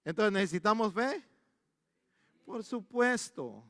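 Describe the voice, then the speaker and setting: A male pastor preaches in a high voice, telling stories and often restarting sentences. His voice is dry up close, while a long church-hall reverb trails behind each phrase. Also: slow pace. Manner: animated storytelling with frequent restarts. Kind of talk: storytelling sermon.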